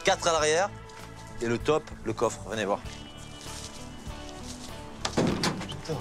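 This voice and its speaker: A man's voice: on the high side, very animated, slow. An actor playing a proud man who shows off his new van to friends. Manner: proud, boastful. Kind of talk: sitcom acting. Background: background music.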